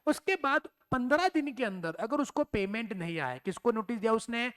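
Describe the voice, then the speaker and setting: A man's voice: very high-pitched, expressive, moderate pace, a bit bright. A male teacher giving a recorded exam-prep lecture, explaining step by step, asking and answering his own questions, and dropping in English terms.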